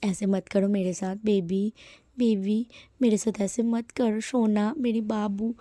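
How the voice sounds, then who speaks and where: Woman doing a clingy young husband from a storybook, soft slow begging voice, dry close sound. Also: medium pitch, fairly even intonation, dry recording, close to an everyday voice. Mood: pleading. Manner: soft, slow, coaxing, often half-whispered.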